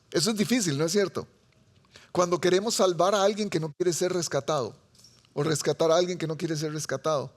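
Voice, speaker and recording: A man with a Costa Rican accent preaching a sermon to a seated congregation, chatty and joking with them. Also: fairly high pitch. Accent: Costa Rican Spanish. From Costa Rica. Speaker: pastor. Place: church sanctuary before a seated congregation.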